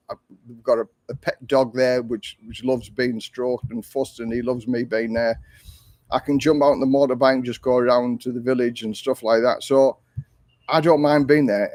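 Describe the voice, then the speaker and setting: An older English livestream host rambles casually while fielding questions from viewers, often saying um and restarting his sentences. His voice is medium in pitch and, by his own account, monotone, with no room sound in the recording.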